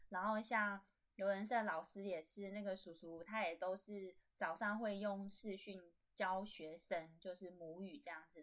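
Woman host, Taiwanese Mandarin accent, relaxed teaching delivery with slow repeated demo sounds. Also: mid-range voice. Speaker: podcast host teaching language. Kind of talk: casual spoken lesson.

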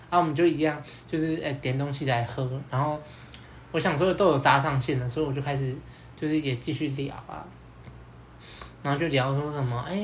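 A man's voice: on the high side, slight background noise. Man, podcast host, casual storytelling, voices other people's lines. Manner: animated, acts out both sides of dialogue, many fillers.

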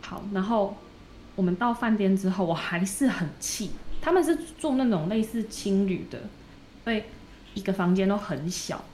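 Animated woman telling a story. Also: medium pitch, normal speed, slight background noise. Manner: animated retelling that acts out quoted dialogue. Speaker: podcast co-host. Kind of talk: casual storytelling chat.

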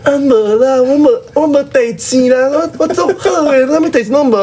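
A man imitating a fussy, traditional old grandmother who brushes off any trouble in a high, squeaky put-on voice. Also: fairly even intonation, fairly quick, warm tone, slight background noise. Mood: dismissive.

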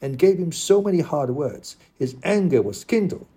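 A man's voice: on the high side, animated, normal speed, mellow, husky. A man voicing an aggrieved young servant lad who pleads and complains, in an audiobook. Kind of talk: audiobook character reading.

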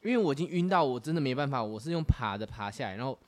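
A man's voice: medium pitch, animated, racing. A man co-hosting a podcast, casually telling his own travel mishaps. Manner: chatty anecdote teller. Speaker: podcast host. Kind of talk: casual chat.

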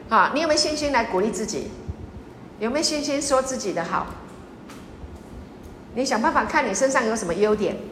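A woman pastor preaches with emphatic repetition, stopping often to ask her listeners questions. Her voice sits fairly high. The recording carries the long reverb of a church hall with faint background noise. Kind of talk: lively sermon. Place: church sanctuary.

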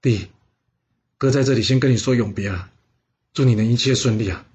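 A man's voice: mid-range voice, a little fast, darkish tone, dull audio, close to an everyday voice. A man voicing an earnest, resigned elder brother in a storytelling podcast. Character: loyal dutiful elder brother, young man.

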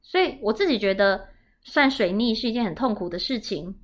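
A woman with a Taiwanese Mandarin accent hosting a podcast in casual chat, telling stories in an animated way and acting out quotes loudly. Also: a little high, brisk. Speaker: podcast host.

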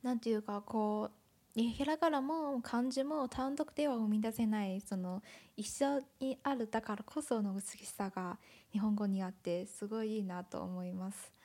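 A woman hosting a casual chat, a non-native speaker whose first language is Chinese, speaking politely and thoughtfully with gentle backchannels. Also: mid-range voice, moderate pace. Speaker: host.

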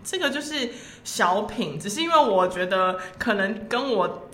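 A young woman talks candidly in a bright, forceful voice, her pitch swinging up and down as she laughs her way through casual podcast chat. The recording carries a noticeable roomy echo. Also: expressive, moderate pace. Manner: emotional, laughs often, candid. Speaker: podcast co-host.

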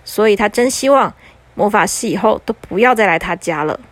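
A woman narrating a bedtime story for children in a gentle, lilting way. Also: mid-range voice, lively intonation, no room sound. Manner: gentle, lilting with drawn-out particles.

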